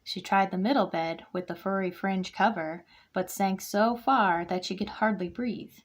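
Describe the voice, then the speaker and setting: Reading to kindergartners as a guest, this woman brings a picture book to life, performing each character's lines with expression. She speaks at normal speed in a mid-range voice.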